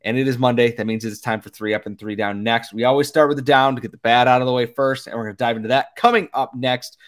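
A man with a slightly hoarse, talked-out voice hosting a sports podcast and giving commentary. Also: medium pitch, fairly even intonation, fast. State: slightly hoarse from a lot of talking.

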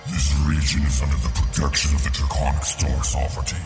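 A man voicing an enormous, stern mechanical dragon in a tabletop game, with a deep gravelly growl and slow, formal menace. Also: little pitch movement. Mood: stern warning. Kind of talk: tabletop game role-play. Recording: echoing voice over clear music.

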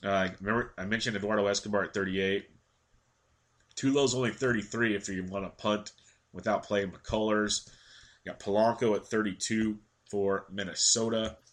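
A man's voice: fairly low pitch, steady tone. A congested man running through daily fantasy baseball picks in a casual rundown, reeling off stats and slipping into a rant. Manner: quick stat-heavy delivery, ranting at times.

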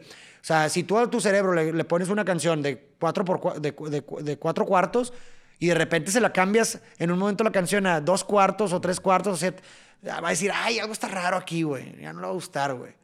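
A man's voice: sits high, brisk. A man with a Mexican accent, a podcast guest explaining his songwriting eagerly, often restarting and tapping out rhythms. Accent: Mexican Spanish. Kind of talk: casual interview chat.

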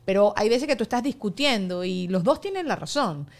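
A woman's voice: mid-range voice, expressive, fairly quick. A woman hosting a casual podcast chat, candid and reflective as she muses aloud. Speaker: podcast host.

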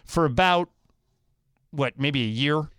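A man co-hosting a sports talk radio show, telling stories with animated delivery in a studio. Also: fairly high pitch, takes it slowly, clean tone, no echo. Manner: animated storyteller, acts out quotes. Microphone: studio microphone.

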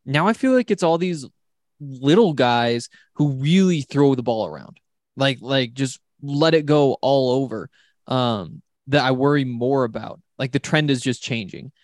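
A man's voice: mid-range voice, measured pace, no room sound, clean studio sound. A man giving his opinions in casual, conversational sports talk as a podcast panelist.

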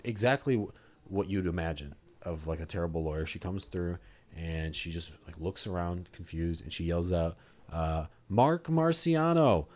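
A young man casually telling a story on a podcast, animated and swearing freely, acting out the voices of people he quotes. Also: sits low, moderate pace.

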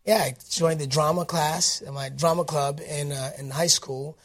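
An upbeat actor from Detroit, United States, tells stories as an interview guest in a casual setting. His voice is slightly high and unhurried, and he's animated, full of fillers and restarts.

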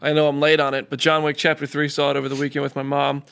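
A man's voice: on the high side, monotone, quick pace, gravelly, a bit bright, clear, resonant tone. A man co-hosting a casual chat show, talking animatedly and getting worked up and indignant. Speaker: podcast co-host. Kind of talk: casual chat, raves and rants.

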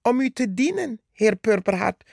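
Brief: woman reading as a defiant little storybook ant, high and proud, gravelly, unhurried. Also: animated, darkish tone, no echo, studio quality, heavily acted. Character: small brave female red ant, cheeky.

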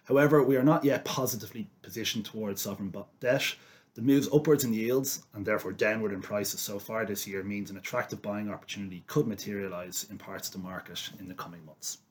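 A man giving measured, formal explanations as an investment expert on a finance podcast. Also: lowish voice.

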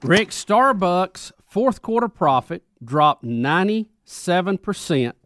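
A man's voice: high-pitched, big pitch swings, slow, fairly bright tone, dry recording, studio quality. A man co-hosting a radio show in casual talk. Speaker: radio co-host.

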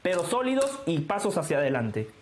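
Man, high voice, football pundit, earnest, emphatic, echoey studio. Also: big pitch swings, brisk, a crowd in the background. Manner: earnest, emphatic, repeats key points. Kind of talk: sports talk show commentary.

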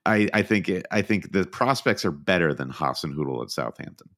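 A man's voice: sits low, lively intonation, normal speed, fairly bright tone. A man co-hosting a casual football podcast, laying out earnest, opinionated analysis in long run-on sentences. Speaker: podcast co-host.

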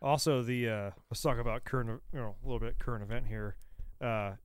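A man's voice: mid-range voice, fairly even intonation, a little fast, clear, resonant tone. A man co-hosting a casual talk show, chatting and ranting in a slangy, profane frat-bro manner.

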